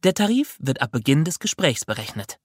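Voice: mid-range voice, sing-song, brisk, no room sound, studio quality. A reader voicing a chirpy, formal recorded hotline announcement in a children's audiobook.

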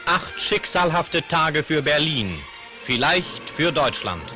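A man's voice: a little high, animated, slow, music in the background. A man narrating an old 1950s newsreel in a solemn, dramatic announcing manner. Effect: old newsreel recording.

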